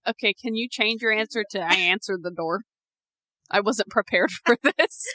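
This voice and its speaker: Over a dry recording, a medium-pitched female voice comes across pushed and bright at a normal pace. She's one of a podcast's co-hosts, storytelling a spooky scenario to her friend while teasing and laughing often.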